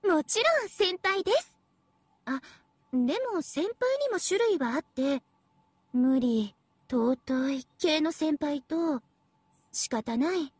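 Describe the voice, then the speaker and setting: Sweetly teasing, a young female AI devil girl from an anime game talks down to people with smug, playful mock politeness. Her voice is very high, sweet and girlish, recorded in a dry studio with no echo, as Japanese anime game voice acting.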